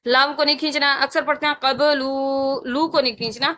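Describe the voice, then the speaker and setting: A woman with a Pakistani Urdu accent teaches a tajweed lesson on Quran recitation rules, explaining each one and patiently repeating sounds several times in slow chanted recitation for students to copy. Her high-pitched voice is steady and sharp, with slight background noise.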